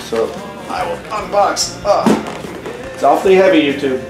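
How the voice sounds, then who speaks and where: This unboxing vlog features a tech YouTuber in his forties speaking directly to his audience from a home room, casual, wry and chatty. His voice runs a little high, expressive with vocal fry at a moderate pace, against roomy echo and faint background music.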